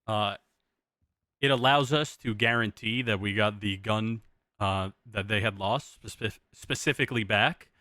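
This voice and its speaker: Low, bright-edged man, close and dry. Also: unhurried, dry recording. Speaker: streamer role-playing an acting sheriff as witness. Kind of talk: improvised role-play testimony and casual commentary.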